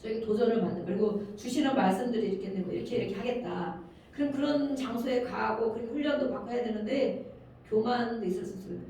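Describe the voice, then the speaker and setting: An older woman pastor preaching an earnest sermon, her voice swelling loud on key phrases and then dropping low. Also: quick pace, a little hiss or hum. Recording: very echoey room, speaker far from mic.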